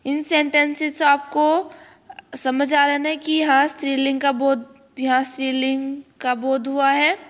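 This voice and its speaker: A woman teaching a grammar lesson in a high voice, going slowly through each example and checking in with her listeners. Her voice rings with a long reverb, as if in a bare hall. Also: level tone. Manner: explains step by step, repeats words and checks with "ठीक है".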